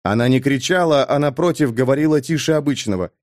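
A man narrating a fantasy audiobook with expressive, dramatic reading. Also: medium pitch, fast, no room sound, studio quality. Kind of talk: scripted narration.

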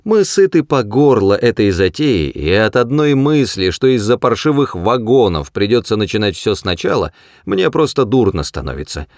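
A man's voice: lowish voice, sing-song, moderate pace, darkish tone, no echo, studio quality, pitched above the performer's own voice. Frankie, a fed-up talking mouse, as a man puts him on. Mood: weary. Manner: chatty, tired and fed-up.

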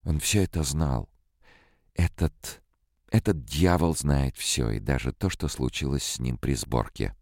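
A man voicing a sharp, mocking woman robot psychologist in an audiobook, his deep voice pushed higher. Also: a little slow, dry recording, studio quality, heavily acted. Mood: scornful. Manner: mocking, cutting.

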